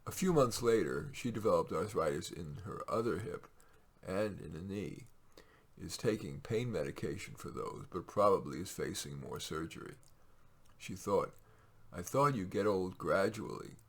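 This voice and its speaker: A male writer reads his own short stories aloud in a very low, raspy, gravelly voice, measured yet expressive. The storytelling has an informal author-reading feel, sprinkled with casual asides.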